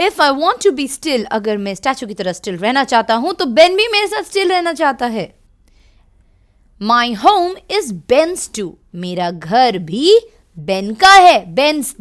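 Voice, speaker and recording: High-voiced, slow Indian English woman teacher. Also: clear, resonant tone. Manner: slow, patient explaining, switching between Hindi and English. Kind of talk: read-along reading lesson for children.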